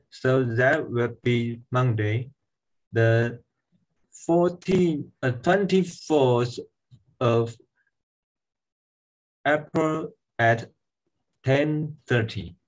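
A man's voice: mid-range voice, drawn-out words, long pauses, poor audio. A man in an online class, carefully reading an English sentence aloud. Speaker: student.

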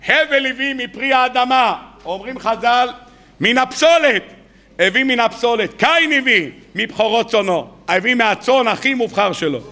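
A man's voice: very high-pitched, lively intonation. A man, a rabbi, preaching to an audience in a colloquial storytelling sermon, acting out the people in his tales. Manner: colloquial, addresses the audience as "gentlemen". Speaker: rabbi giving a weekly Torah talk. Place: evening lecture before an audience.

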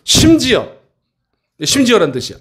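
A man teaching an English textbook passage to middle school students in a classroom, often checking in with quick questions. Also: very high voice, wildly swooping pitch, fairly bright tone.

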